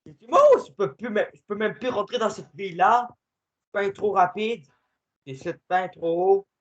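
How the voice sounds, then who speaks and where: A man giving casual gaming commentary while playing with a friend, excitable and swinging between muttering and shouting. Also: high voice, normal speed, lo-fi sound.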